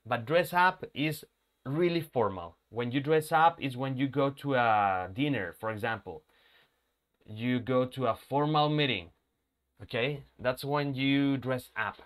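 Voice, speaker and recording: Speaking unhurriedly in a medium-pitched voice, a male English teacher guides his students through a lesson. He repeats words slowly for them to practice and checks in often with "ok?" and "ya?" to make sure they're following.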